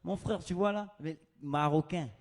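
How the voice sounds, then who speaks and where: A man performing live stand-up comedy as the show's host, talking in an animated way and booming announcements to the crowd. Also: measured pace. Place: live comedy show on stage.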